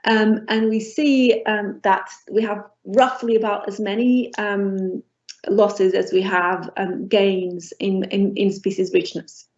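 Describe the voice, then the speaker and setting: A middle-aged woman from Portugal giving an academic lecture as a professor, pausing often on ums and restarting her phrases. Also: medium pitch, little pitch movement, darkish tone. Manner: hesitant, many ums and restarts. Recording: dull lo-fi recording.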